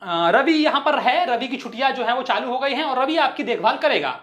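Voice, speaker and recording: High-voiced woman teacher explaining a chapter. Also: lively intonation, brisk, a bit bright, roomy sound. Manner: explains each line, often acts out the characters' lines. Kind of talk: line-by-line chapter explanation in Hindi with English phrases.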